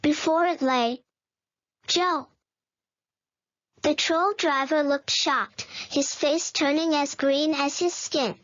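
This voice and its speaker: Woman, first-person storybook narration, high voice, dull lo-fi recording. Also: fairly even intonation, slow, pauses often, a bit bright.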